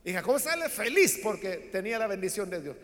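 A man preaching with a very high, lively voice that climbs and dips as he acts out a Bible story. His sermon rings with a long hall reverb. He talks to the congregation directly and explains as he goes. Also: brisk. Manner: animated storytelling, acting out voices in Bible stories.

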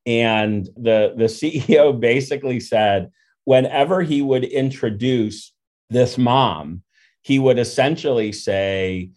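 Slow, measured man hosting. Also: medium pitch, darkish tone. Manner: measured, explanatory. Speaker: podcast host. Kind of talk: conversational interview.

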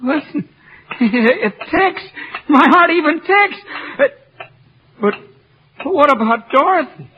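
Tin Man, very high-voiced. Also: lively intonation, takes it slowly, long pauses, exaggerated voice. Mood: delighted. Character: wistful, sentimental tin man. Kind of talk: old radio drama acting. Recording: muffled old radio recording.

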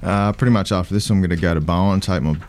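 A man's voice: low voice, fairly even intonation, very fast, a little mellow. An Australian man, a guest in casual radio chat, with a plain-spoken, blokey tradesman manner. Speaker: studio guest, fisherman. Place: radio studio.

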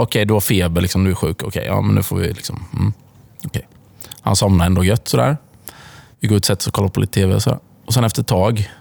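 A man with a Swedish accent co-hosting a podcast, telling a family story in a casual, animated way and acting out a child's screams. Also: fairly low pitch, creaky, no room sound. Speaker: podcast co-host, father. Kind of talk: casual comedic chat.

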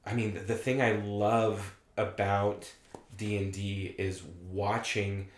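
A man's voice: fairly low pitch, flat delivery, slow pace, reverberant. A man chatting as a podcast guest, enthusiastic and rambling, full of "like"s. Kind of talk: casual chat.

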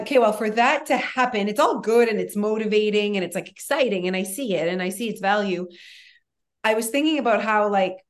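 A lively woman, chatting casually as a podcast co-host. Her voice sits a little high, and she acts out other people's words as she tells a story. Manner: animated storyteller, acts out quoted talk. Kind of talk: casual chat.

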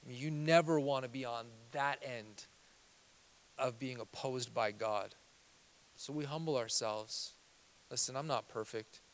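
A male pastor preaching a sermon in church, moving between quiet confessional passages and loud, fervent exhortation. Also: medium pitch.

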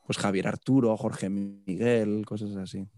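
A hoarse man from Murcia, a podcast guest chatting casually, blunt and quick to swear. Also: fairly low pitch, fairly even intonation, dark tone, dry recording, clean studio sound. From Murcia, Spain. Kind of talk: casual chat.

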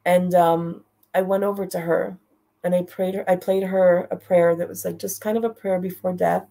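Middle-aged woman telling her story straight, direct and heartfelt, gravelly voice. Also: on the low side, little pitch movement, normal speed, warm tone. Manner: direct, heartfelt, repeats phrases. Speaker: guest. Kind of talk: emotional storytelling.

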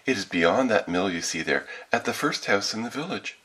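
A man's voice: lowish voice, lively intonation, moderate pace, a bit bright, husky, voice pushed up. A man voicing a sweet, naive little village girl in a storybook tale, with an artless, sing-song delivery. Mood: innocent chatty.

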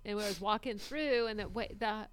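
A woman chatting casually as a podcast co-host, supportive and quick to agree and laugh along. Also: mid-range voice, a little hiss or hum. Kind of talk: casual chat.

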